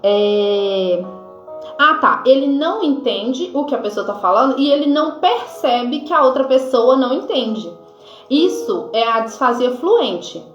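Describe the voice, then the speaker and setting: A female nurse with a Brazilian Portuguese accent gives an informal health lesson to camera, her voice sitting high with a fairly bright tone. She uses lots of fillers like "né" and "tá" and stops to read from her notes. The echoey room yields dull, lo-fi sound with faint music.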